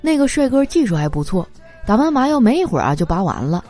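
Brief: woman comic, mellow tone, very animated delivery, light music underneath. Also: fairly high pitch, fast, some chatter behind. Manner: lively, animated, laughs through punchlines. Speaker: comedy monologue performer. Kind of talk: stand-up style comic storytelling.

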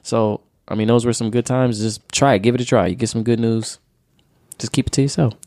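A man's voice: mid-range voice, fairly even intonation, a little fast, darkish tone, no room sound, clean studio sound. A young man co-hosting a casual podcast chat, upbeat and encouraging. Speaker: podcast co-host.

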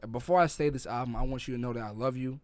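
A brash man trading hot takes on a podcast, loud opinions delivered in an easy middle register. The sound is close and dry, with no room around it. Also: mid-range voice, rapid-fire, dry recording. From New York City. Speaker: podcast co-host. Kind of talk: casual podcast chat.

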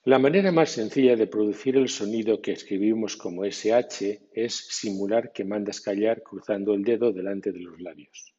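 A man's voice: fairly low pitch, moderate pace, hardly any pauses, dark tone, husky. A man giving a scripted pronunciation lesson, carefully demonstrating sounds and example words one at a time. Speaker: pronunciation teacher. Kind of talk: scripted instructional podcast. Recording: dull lo-fi sound with long reverb.

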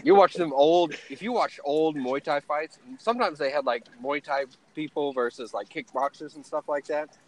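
A man's voice: a little high, normal speed. A young man hosting a casual podcast about fighting, telling stories with lots of swearing and laughter. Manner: animated storyteller, swears freely, laughs often. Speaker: podcast host.

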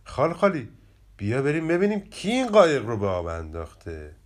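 A man voicing an eager young rabbit child in a children's storybook, in a lively reading voice. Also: mid-range voice, over loud music.

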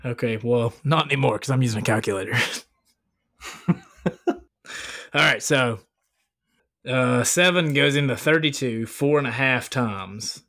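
A man with a middle-pitched voice co-hosts a podcast. He talks in loose, slangy banter and swears freely. His delivery is jokey and informal. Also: unhurried, long pauses, sharp tone. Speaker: podcast co-host. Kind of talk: casual, profane banter.

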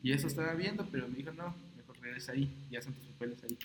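A young man tells a long personal story in a relaxed podcast chat. He rambles and stumbles, repeating words as he goes. His voice sits in a middle register, in an echoing room with steady background noise. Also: medium pitch, rapid-fire. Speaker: podcast co-host. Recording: roomy echo, noisy background.

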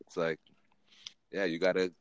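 A man in his forties with a fairly low voice, chatting on a podcast in a loose, teasing way and laughing often. There is a faint hiss of noise behind him. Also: monotone, moderate pace. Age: 40s. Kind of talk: casual chat.

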